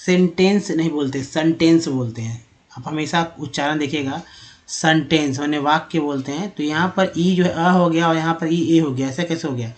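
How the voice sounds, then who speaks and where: A man teaching English from India, explaining over slides in a patient way, repeating sounds slowly with many fillers. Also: a little high.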